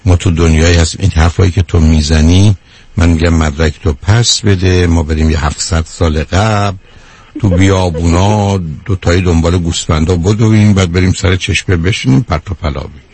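A man hosts a call-in advice show, bluntly lecturing a caller with rhetorical questions and calling her dear. His low voice is husky and a little mellow, and his intonation stays fairly even.

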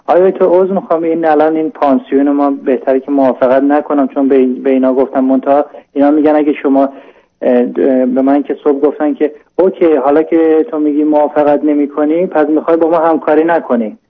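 A man calling in to an advice show, speaking hesitantly and apologetically, halting and restarting. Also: fairly high pitch, steady tone. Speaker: caller. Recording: tinny phone line.

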